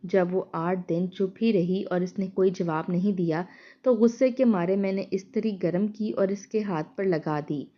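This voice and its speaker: A woman narrating a dramatic first-person story in a steady storytelling voice. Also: medium pitch. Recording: dull lo-fi sound.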